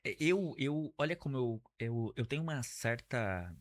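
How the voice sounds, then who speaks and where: A man's voice: medium pitch, animated, measured pace. A man who hosts a podcast, chatting casually with his guest and dropping in slangy interjections. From Brazil (São Paulo). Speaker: podcast host.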